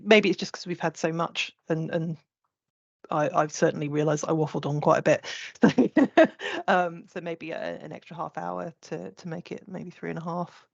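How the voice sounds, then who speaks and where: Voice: medium pitch, gravelly, no room sound, highs cut off. A participant on an online meeting call, giving opinions hesitantly. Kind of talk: casual online meeting discussion. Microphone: video call.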